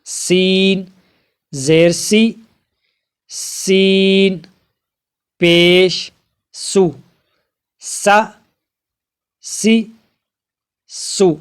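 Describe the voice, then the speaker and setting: A man teaching Quran reading, sounding out letters and vowel marks slowly and carefully, with quick plain explanations in between. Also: sits high. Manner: drawn-out, carefully articulated syllables with brisk explanatory asides. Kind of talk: slow letter-by-letter recitation drill.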